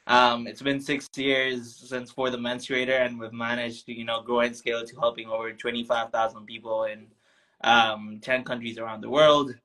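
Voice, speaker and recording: A man's voice: mid-range voice, level tone, normal speed, pushed and bright, rough recording. A young man from Tanzania, a founder talking as a guest in a casual interview, reflective and full of ums and restarts. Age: young adult.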